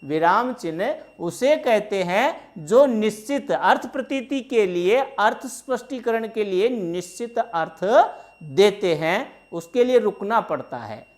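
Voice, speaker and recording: Woman teacher, measured grammar lesson, slow-paced, rhetorical questions to the class. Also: mid-range voice, expressive, a little mellow.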